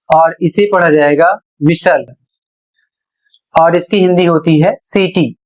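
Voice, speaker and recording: A male teacher explaining pronunciation rules, spelling words out letter by letter in slow, deliberate short phrases. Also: high voice, rough recording. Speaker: English teacher.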